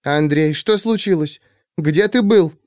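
A man's voice: on the high side, measured pace, darkish tone, no room sound, clean studio sound, pitched above the performer's own voice, natural voice. A man voicing an anxious, demanding middle-aged wife who worries and scolds. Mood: worried.

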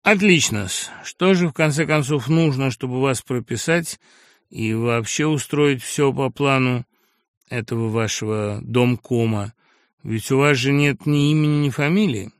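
A man's voice: mid-range voice, a little slow, dry recording, studio quality, close to an everyday voice. A male audiobook reader voicing an irritable, eminent older professor who speaks formally and grows hesitant. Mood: uneasy, formal. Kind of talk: audiobook character reading.

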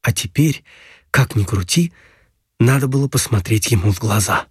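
A man narrating a story in a steady storytelling manner. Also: fairly low pitch, breathy edge, dry recording, studio quality. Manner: steady storytelling, brisk past-tense narration.

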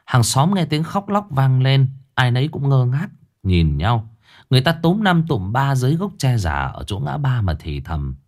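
A man narrating a dramatic horror story with an expressive, swooping delivery. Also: mid-range voice, normal speed.

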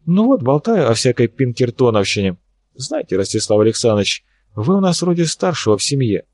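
A man's voice: medium pitch, very animated, fairly quick, darkish tone, no echo. A wry young woman scientist, anxious under her irony, speaks in a lightly lifted voice, as a male audiobook reader puts her on. The recording is dry and close, with no room around it.

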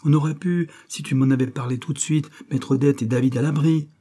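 A man's voice: medium pitch, steady tone, brisk, dark tone, voice pushed up, natural voice. A man reading an audiobook and voicing a blunt, indignant old friend who scolds hotly. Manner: scolding, heated and accusing.

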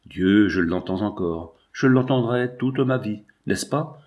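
A man's voice: fairly low pitch, unhurried, a little mellow, lo-fi sound, close to an everyday voice. A man reading the lines of an earnest fifteen-year-old girl who pleads and argues in grief, in a storybook reading. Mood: insistent.

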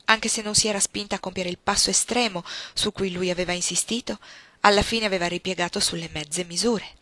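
A woman's voice: mid-range voice, fairly even intonation, a little fast, bright, forceful tone, no echo. Woman reading a literary audiobook. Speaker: audiobook reader.

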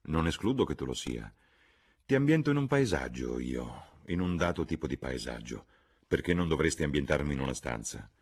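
A man voicing a fussy, reproachful young English gentleman in an audiobook, with a stiff, mannered delivery. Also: rumbling low, big pitch swings, moderate pace, gravelly, slightly rough, full character voice.

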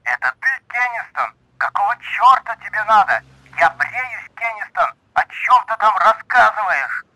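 A man voicing a gruff, irritable male doctor who is roused while shaving and barks down a telephone line. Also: high voice, very animated, measured pace, pushed and bright, no room sound, voice pushed up, full character voice. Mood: annoyed bellowing. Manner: barking, exasperated.

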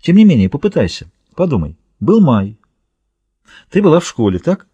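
A man voicing a calm woman police interviewer who asks mild, coaxing questions. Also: on the high side, normal speed, slightly rough, no echo, muffled recording, voice pushed up. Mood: gentle.

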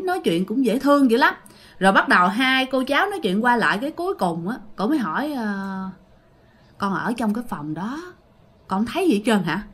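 A woman's voice: a little high, fairly bright tone. A woman with a Southern Vietnamese accent casually telling a ghost story, chatting with her listeners as she goes. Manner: chatty, often turning to the listeners.

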